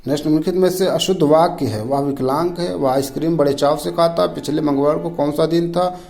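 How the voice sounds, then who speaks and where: A man's voice: on the high side, steady tone, fairly quick, gravelly, darkish tone, poor audio. A man tutoring Hindi exam questions, reading each option aloud and naming the wrong one. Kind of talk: rapid quiz walkthrough.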